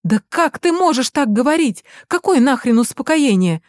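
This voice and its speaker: A woman voicing an angry, frantic mother shouting down the phone. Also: a little high, big pitch swings, moderate pace, dry recording, clean studio sound, voice pushed up. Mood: furious.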